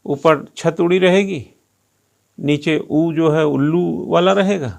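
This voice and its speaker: A man's voice: a little high, slow, creaky. A male coaching teacher giving a classroom lecture, firing rhetorical questions at students and teasing them while he drills pronunciation.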